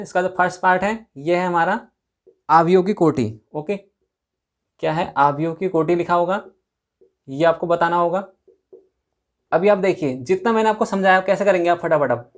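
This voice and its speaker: A man's voice: high voice, a little mellow. A man teaching a maths lesson at a whiteboard, patiently repeating points and quizzing his students. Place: classroom at a whiteboard.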